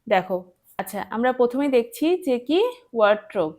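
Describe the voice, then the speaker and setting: A woman teaching a children's English lesson, patient and clear, asking questions and answering them herself and spelling words out letter by letter. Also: a little high, fairly quick, darkish tone. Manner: patient, asks and answers her own questions.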